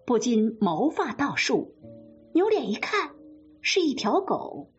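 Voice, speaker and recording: A woman storyteller narrating a classic novel in an expressive way. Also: high-pitched, husky. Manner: slow, lively, expressive narration. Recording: dull lo-fi sound with faint music.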